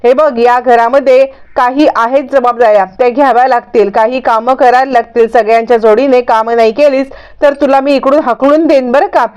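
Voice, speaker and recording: A woman voicing a scheming, bossy middle-aged woman who scolds in a slow, stern, hectoring way, on a dull lo-fi recording. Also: fairly high pitch, steady tone, darkish tone, smooth, natural voice. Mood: scolding.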